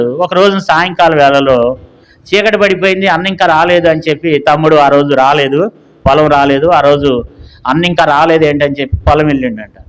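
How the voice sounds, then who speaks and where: A man preaching, his voice sitting fairly high. He retells a story as part of a sermon. He acts out its voices as he tells it.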